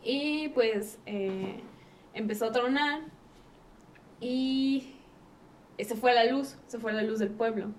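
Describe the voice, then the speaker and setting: A woman with a Mexican Spanish accent tells a story in a relaxed podcast chat, slangy and animated. Her voice sits fairly high. She is a bit far from the mic, with faint room noise around her. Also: takes it slowly, long pauses. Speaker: podcast guest.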